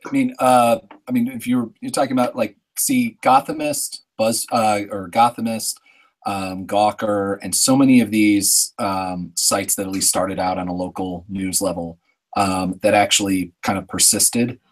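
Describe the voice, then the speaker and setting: Male journalist, lower pitch, casual and talkative, builds an argument in conversation. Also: steady tone, unhurried, rough recording. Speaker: journalist, podcast panelist. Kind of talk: casual panel discussion.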